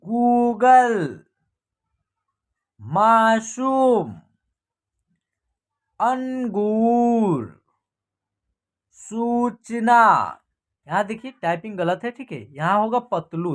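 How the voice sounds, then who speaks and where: In an online lesson, a woman with a lowish voice and big pitch swings teaches Hindi reading. She reads each word slowly and clearly, explains it quickly, and repeats every sentence for the learner.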